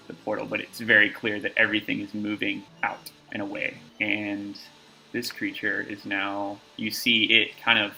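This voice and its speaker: A man's voice: fairly low pitch, sharp tone, poor audio. A man narrating a tabletop game as game master, talking loosely with lots of fillers and restarts.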